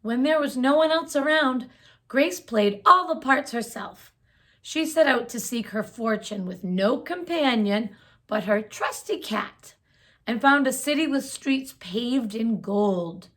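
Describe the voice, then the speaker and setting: With a somewhat high voice and a measured pace, a woman tells the story of a children's picture book aloud. Her delivery is soft and expressive.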